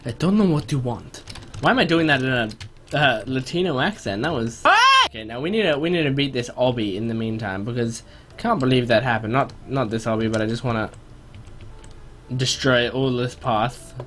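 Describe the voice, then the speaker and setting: Excitable and animated, a young adult gaming host narrates gameplay casually, often interrupting himself and letting out exclamations. His pitch is medium and his pace moderate, with a bit of hiss or hum in the background of his small home room. He was born in New Zealand and stayed there for his first three years.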